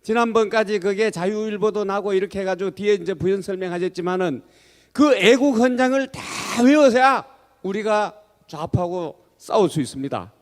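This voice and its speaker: A man's voice: high-pitched, moderate pace. A man acts as master of ceremonies, making formal announcements and instructions to an assembly. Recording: echoey hall PA with long reverb.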